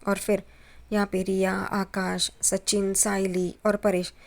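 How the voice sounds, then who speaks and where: A woman's voice: medium pitch, level tone, slow pace, gravelly. A woman casually retelling a TV serial episode, jumping into the characters' quoted lines with a raised voice. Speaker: TV serial recap narrator. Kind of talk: casual spoken episode recap.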